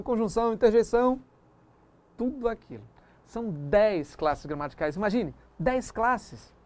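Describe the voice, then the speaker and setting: Man, grammar teacher, recorded lecture, emphatic, stretches example words, chatty asides. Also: high voice.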